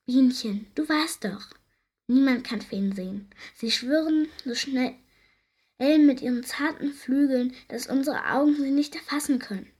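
A woman reading aloud, voicing a gentle, loving mother at bedtime who speaks softly and soothingly, with a breathy voice. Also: sits high, a little slow, voice pushed up. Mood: tender. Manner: soft, soothing, hushed. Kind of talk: storybook reading.

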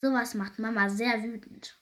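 A woman reading a storybook aloud, voicing a cheeky, stubborn little girl who talks back loudly. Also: a little high, fairly even intonation, moderate pace, close to an everyday voice. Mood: defiant. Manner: loud and stubborn.

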